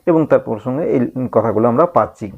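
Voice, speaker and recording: Gravelly-voiced man teaching over tinny audio. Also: medium pitch, lively intonation, a little fast. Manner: thinking aloud with frequent hums and restarts. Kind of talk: reading and explaining a play in a lesson.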